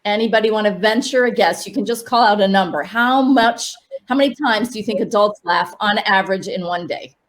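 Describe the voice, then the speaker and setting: A woman laughter coach leading an online workshop, upbeat and coaxing, with sudden high cheers. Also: a little fast.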